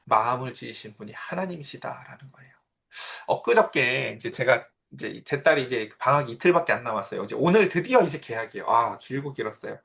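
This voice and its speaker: A man's voice: mid-range voice, animated, brisk, creaky, fairly bright tone. A man in his thirties, a pastor, giving a conversational sermon and telling personal stories. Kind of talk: sermon with Bible reading.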